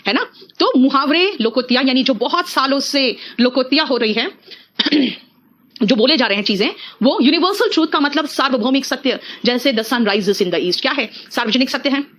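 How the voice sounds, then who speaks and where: A young Indian woman teaching English grammar in an exam-prep lecture, explaining briskly and calling her students "beta". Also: high voice, a bit bright. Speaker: English teacher for competitive exams.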